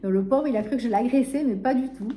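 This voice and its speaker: A woman's voice: on the high side, fast talker. A woman from Narbonne with a southern French accent, chatting casually and rambling a little in a book vlog. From Narbonne, southern France. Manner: chatty, rambling, warm enthusiasm. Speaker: book vlogger.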